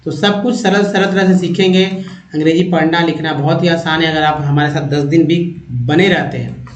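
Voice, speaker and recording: A man teaching English vocabulary in a chatty, slow pronunciation drill, addressing viewers as friends. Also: a little high, fairly even intonation, a little hiss or hum. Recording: echoey room.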